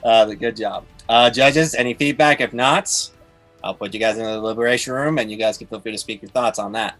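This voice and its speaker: A man's voice: fairly low pitch, brisk, a bit bright, faint music behind. A man hosts an online competition over a video call, announcing casually with hesitant fillers. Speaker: host.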